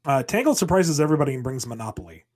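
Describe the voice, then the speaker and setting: A man's voice: medium pitch, lively intonation, very fast, darkish tone. A man in casual podcast chat, playfully riffing on comic scenarios as a co-host.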